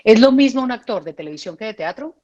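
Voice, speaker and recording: A woman's voice: on the high side, animated, fast, a little mellow, dull audio. A woman interviewer asking short, direct questions.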